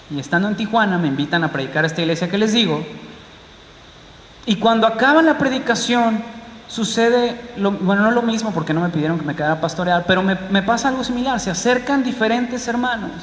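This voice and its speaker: Mexican pastor guy, highish voice, chatty sermon always asking "¿sí?", big echoey church hall. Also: fairly quick, a little hiss or hum. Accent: Mexican Spanish. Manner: conversational preaching, keeps asking "¿sí?".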